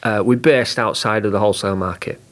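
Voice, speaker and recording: A middle-aged man with a Yorkshire accent, chatting excitedly as a guest in an interview. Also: fairly low pitch, fast. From England. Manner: excitable, bursts of emphasis, chatty and informal. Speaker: marketing director, podcast guest. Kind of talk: enthusiastic interview chat.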